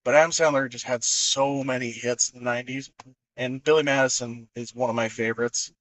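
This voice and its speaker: A man's voice: mid-range voice, steady tone, a little fast, fairly bright tone, slight background noise, poor audio. A man hosting a podcast in casual chat, rambling with many fillers and acting out movie quotes. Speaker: podcast host.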